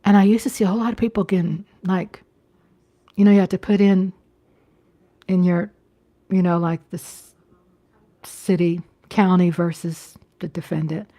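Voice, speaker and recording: Speaking conversationally to her livestream viewers, a woman in her fifties often repeats herself and checks in with "you know." She has a fairly low, dark, steady voice at a moderate pace and pauses frequently.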